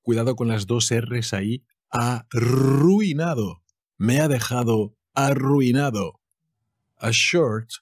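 A man's voice: medium pitch, steady tone, takes it slowly, no echo, studio quality. A man from Spain with a Spanish accent, teaching vocabulary by saying each word and then acting out short, playful example sentences.

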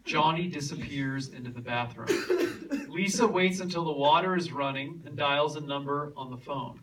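A man's voice: fairly high pitch, normal speed. A man reading stage directions aloud at a live script reading, amused as he goes, recorded on a phone from far back in a noisy hall. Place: cinema hall with audience.

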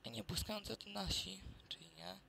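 Gravelly, mumbling let's play gamer. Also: male voice, sits high, steady tone, moderate pace, bright, forceful tone, slight background noise. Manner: muttering, sarcastic remarks to viewers.

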